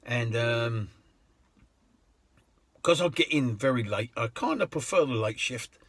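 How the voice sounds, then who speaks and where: A man, a cab driver telling anecdotes in a chatty way, laughing often and filling pauses with ums. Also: medium pitch, expressive, a bit bright, no room sound. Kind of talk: anecdotal storytelling.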